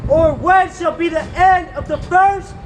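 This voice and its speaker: A person slowly reading scripture aloud on the street. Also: very high voice, some chatter behind. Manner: slow, deliberate reading. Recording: outdoor street noise.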